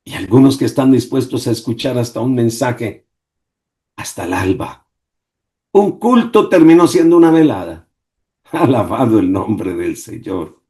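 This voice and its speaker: Male preacher, mellow dark tone, dramatic devotional delivery with rhetorical questions, over a video call. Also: mid-range voice, very animated, a little slow. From Colombia. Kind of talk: devotional sermon.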